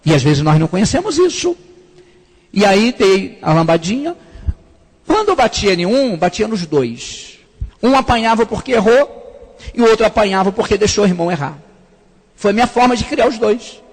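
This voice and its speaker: A pastor with a notably high voice preaches to couples, acting out the people in his stories. His voice rings with the long reverb of a large church hall. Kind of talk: sermon to couples.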